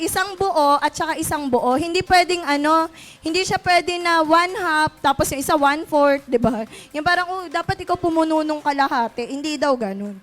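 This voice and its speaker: A young adult woman speaking at a youth conference, talking casually in a chatty way full of fillers and quick "right?" asides, laughing often. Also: high voice, a bit bright. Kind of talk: casual Taglish church talk to youth.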